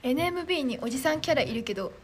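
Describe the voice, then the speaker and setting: Bubbly high-voiced teenage girl streamer. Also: slight background noise. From Chiba, Japan. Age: teens. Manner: bubbly, quick, animated and self-deprecating. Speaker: idol trainee streamer. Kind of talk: casual livestream chat reading comments.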